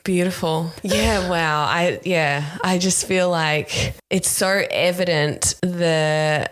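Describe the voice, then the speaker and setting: A woman host chats casually on her podcast and keeps encouraging her guest with affirmations. Her voice sits a little low, and her speech is loose, with frequent fillers. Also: slow.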